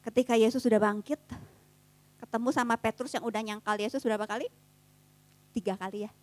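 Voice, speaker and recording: High-voiced woman preaching casual youth sermon. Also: fairly even intonation, brisk. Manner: casual slangy preaching, swings between soft and fervent. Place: church youth service.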